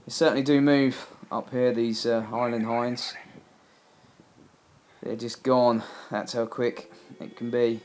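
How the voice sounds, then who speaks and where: A man's voice: mid-range voice, level tone, slow pace, a little mellow, slight background noise. A man giving a casual, plain-spoken, conversational voice-over for his own amateur hunting footage. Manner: plain, matter-of-fact, conversational. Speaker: amateur hunter narrating own video. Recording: music behind the voice-over. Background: background music.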